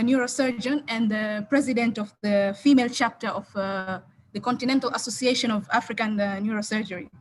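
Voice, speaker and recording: A woman moderates an online medical course over a video call. Her voice sits a little high, and she introduces the speaker formally and politely, with brief uh fillers. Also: slight background noise, poor audio.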